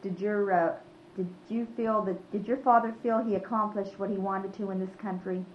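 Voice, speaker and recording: A woman's voice: medium pitch, fairly even intonation, moderate pace. A woman conducting a conversational oral history interview, probing and restating answers to confirm them. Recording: dull, lo-fi tape with faint noise.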